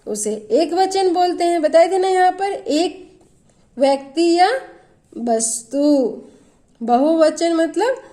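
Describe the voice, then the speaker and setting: Slow, high-voiced woman teaching children. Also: warm tone. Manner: slow, patient explaining with questions to children. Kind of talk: classroom grammar lesson.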